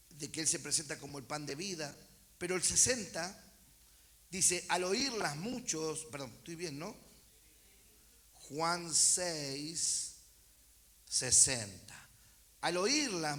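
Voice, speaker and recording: A pastor with a Rioplatense Argentine Spanish accent preaches at a church service, reading scripture aloud and calling out to the congregation with chatty asides. His voice is a little high and sharp in tone.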